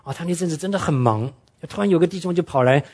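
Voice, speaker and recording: A man preaching a sermon, telling stories earnestly and slowing down to stress his main points. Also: on the high side, darkish tone, slightly rough. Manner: earnest storytelling preacher, drops English words into speech; slows down and drops his voice to stress key points. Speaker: pastor.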